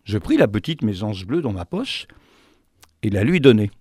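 A man telling a fantastic tale in an expressive, theatrical way. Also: fairly low pitch, moderate pace, slightly rough, dry recording, studio quality. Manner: animated, theatrical. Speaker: storyteller.

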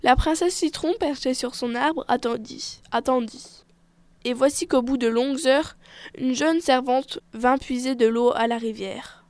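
A woman reading a fairy tale aloud in an expressive, measured storytelling manner. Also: high voice, dry recording.

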